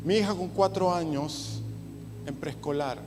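A man preaching a sermon, moving from hushed storytelling to loud impassioned preaching. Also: a little high, unhurried, music in the background. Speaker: pastor.

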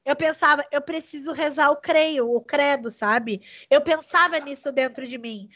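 A woman with a very high, bright voice retells the same events with insistent emphasis, swearing it is all true and repeating her points. The sound is a little dull. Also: moderate pace. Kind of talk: casual chat, backing up a story.

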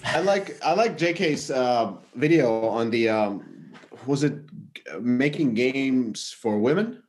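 Male co-host, animated intonation, bantering, sweary, casual chat. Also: mid-range voice, slow pace. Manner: profane, bantering. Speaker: podcast co-host. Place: says he is recording from a gym.

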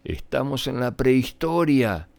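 A man's voice: medium pitch, sing-song, measured pace, vocal fry, a little mellow, no echo. A man voicing a stubborn, matter-of-fact young schoolboy in a children's story. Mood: argumentative. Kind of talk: storybook character reading.

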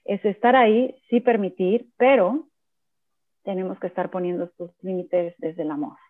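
A woman in her thirties speaks earnestly about raising children, building her points through everyday examples and frequent little check-in questions. Her voice arrives thin and narrow, as if over a phone line. Her pitch sits in an ordinary middle range. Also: steady tone, normal speed. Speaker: guest, parenting speaker. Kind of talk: conversational explanation.

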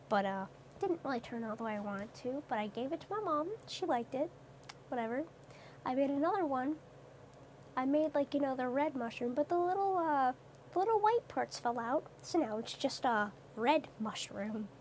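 A woman's voice: high-pitched, darkish tone, slight background noise. A young woman streamer rambling hesitantly in a casual late-night chat, with lots of fillers.

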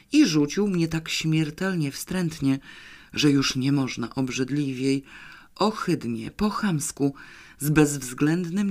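A man's voice: fairly high pitch, a little mellow. A man voicing a distraught, betrayed woman in an audiobook, speaking emotionally with a raised voice. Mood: bitter.

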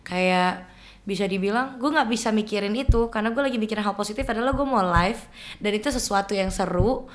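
A woman's voice: mid-range voice, a little fast. A young adult woman from East Nusa Tenggara, a singer guest in a casual interview, speaking earnestly and emotionally.

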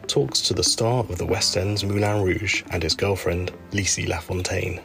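A man's voice: low voice, steady tone, moderate pace, creaky, fairly bright tone. A man reading a scripted introduction as announcer. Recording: voice-over with faint music.

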